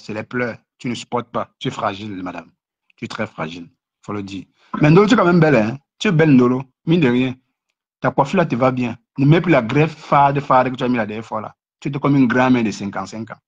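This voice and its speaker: Mocking man ranting on a live stream. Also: breathy edge. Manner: mocking, repetitive, stammering restarts. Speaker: live streamer commenting on other creators. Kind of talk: casual live-stream rant. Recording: muffled low-fidelity live stream.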